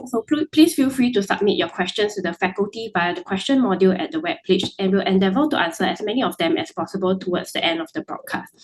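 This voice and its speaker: A woman's voice: mid-range voice, animated, fast talker, few pauses, a little hiss or hum, poor audio. A woman moderating a webinar, reading formal introductions and tripping over names.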